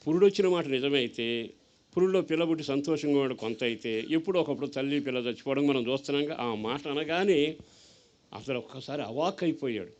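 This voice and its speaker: A mid-pitched man with a Telugu accent preaches a sermon. He tells a parable, voicing its characters, and keeps asking his listeners questions. At times he climbs into loud exhortation. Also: fast. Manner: storytelling with voiced characters, questions to the audience.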